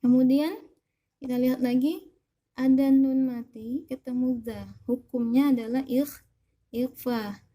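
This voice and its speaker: A woman's voice: high voice, fairly even intonation, warm tone. A woman with an Indonesian accent teaching Quran reading, over-enunciating as she carefully demonstrates pronunciation. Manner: over-enunciating, deliberately stretched and stressed syllables. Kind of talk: slow instructional lesson with recitation demonstrations.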